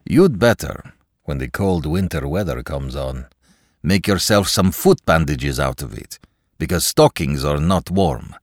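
A man voicing a gruff one-eyed older tailor who speaks with blunt, decisive composure. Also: rumbling low, very animated, a little slow, no room sound, studio quality, full character voice. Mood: blunt, dismissive.

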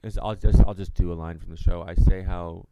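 A man chatting casually and at length in a halting, rambling way, often acting out quoted exchanges as he tells anecdotes. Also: low voice, steady tone, muffled recording, heavy background noise. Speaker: podcast co-host and solo stage performer.

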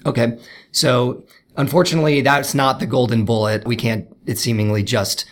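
A man co-hosting a podcast in casual conversation, with a low, gravelly, hoarse voice that sounds worn out. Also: steady tone, moderate pace. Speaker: podcast co-host.

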